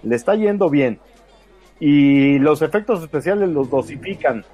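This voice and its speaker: A man's voice: fairly high pitch, lively intonation, normal speed, mellow, soft background music. A man with a Mexican accent in a casual film discussion, colloquial and often seeking agreement. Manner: colloquial, seeks agreement with tag questions. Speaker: podcast panelist.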